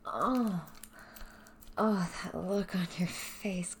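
A woman addresses the listener directly in an intimate audio roleplay, sounding dominant and teasing. Her voice is soft, breathy, often whispered and lowish, she speaks very slowly, and there's slight background noise.

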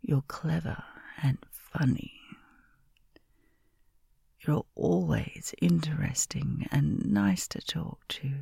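Slow whispering woman, close and soothing. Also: low-pitched, sing-song, gravelly, dark tone, breathy edge, dry recording. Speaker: comforting caretaker in a roleplay. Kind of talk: whispered ASMR sleep roleplay.

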